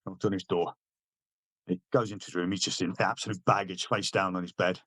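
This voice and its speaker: A low-pitched, fairly bright voice with little pitch movement moves along fairly quickly as a middle-aged British army veteran guests on a podcast. Casual and laddish, he swears freely and acts out what others said. No room sound is audible.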